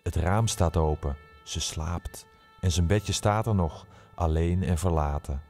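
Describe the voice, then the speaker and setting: A man narrating a children's musical stage play in a calm storytelling way. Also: low voice, measured pace, soft background music.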